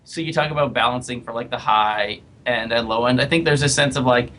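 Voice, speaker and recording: Man, mid pitch, halting thoughtful talk, podcast panel, faint rumble. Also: fairly even intonation, pushed and bright. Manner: hesitant, many fillers and restarts. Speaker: game developer.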